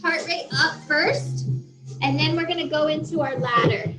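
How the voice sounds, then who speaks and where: Breathless high-voiced woman leading cardio. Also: moderate pace. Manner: encouraging cues with cheers. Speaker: fitness instructor. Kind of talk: cardio class instruction. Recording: echoey room with loud music. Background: workout music.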